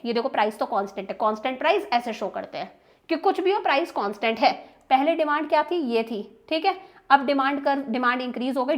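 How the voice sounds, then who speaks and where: A young woman with an Indian accent teaching an exam-prep economics lecture, explaining step by step, stressing key terms and often asking if students have understood. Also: high-pitched. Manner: explains step by step, checks understanding with repeated questions.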